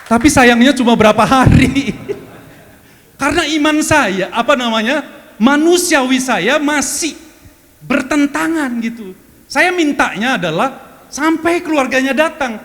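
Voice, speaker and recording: A man preaching a testimony sermon, telling his story in an animated way with repeated phrases and frequent laughs. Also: very high-pitched, unhurried. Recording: long hall reverb.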